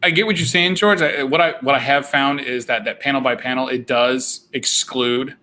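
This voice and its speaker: A man's voice: mid-range voice, fairly even intonation, normal speed, sharp tone, slight background noise. A man hosting a casual chat on a video call, rambling with frequent restarts. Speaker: host.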